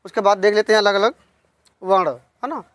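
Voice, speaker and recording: A woman teaching a lesson on poetics, slowly repeating key terms and asking questions that she then answers herself. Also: mid-range voice, dry recording. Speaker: Hindi literature teacher. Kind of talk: online exam-prep lesson.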